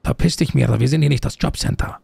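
A man's voice: mid-range voice, fast talker, creaky, crowd noise. A man in street roleplay, playing a domineering gang boss who berates others and peppers his talk with Spanish slang.

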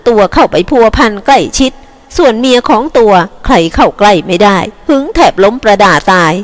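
A woman voicing a haughty, sharp-tongued middle-aged wife who sneers and snaps in a shrill voice, read as an audiobook. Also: normal speed, lightly acted. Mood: scornful.

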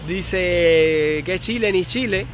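A young man with a Cuban accent talks casually on a live stream, reading out viewer comments and replying to them. His voice sits slightly high. Faint street and car noise hums in the background. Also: slow pace. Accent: Cuban Spanish. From Cuba. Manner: chatty, reads viewer comments aloud and answers them.

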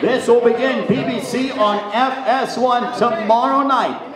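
Guy hyping a boxing weigh-in like a lucha libre announcer, high voice, super echoey hall. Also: steady tone. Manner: showy fight announcer, booming drawn-out names like a lucha libre announcer. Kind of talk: boxing event announcing into a microphone. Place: large indoor hotel event room. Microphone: handheld microphone through PA. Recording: very echoey hall PA, crowd behind.

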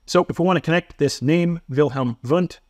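A psychology instructor delivers scripted educational narration in a methodical, explanatory way, adding dry self-deprecating humor. His voice sits on the high side, a little mellow, at a moderate pace, and the recording is dry.

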